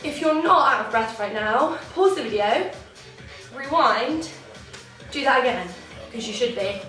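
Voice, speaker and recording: A woman's voice: fairly high pitch, expressive, unhurried, a bit bright. Breathless woman teaching a dance class. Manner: encouraging, counts beats aloud. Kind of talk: online dance warm-up class. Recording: echoey room, distant from mic, faint music.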